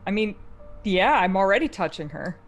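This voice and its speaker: A woman's voice: medium pitch, animated, normal speed. A woman playing a tabletop role-playing game, improvising casually, with music behind her. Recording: music under the voice.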